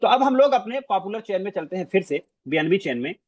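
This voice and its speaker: A man giving a casual screen-share walkthrough, talking to his audience in an animated way, repeating phrases and mixing in English words. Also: high voice, fast talker, no room sound. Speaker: presenter.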